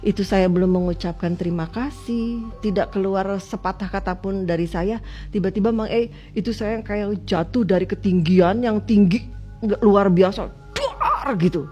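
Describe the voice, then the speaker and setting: A woman from West Java, a guest telling her own experience in an emotional storytelling way. She swings between loud cries and hushed, lowered passages. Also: moderate pace, soft background music.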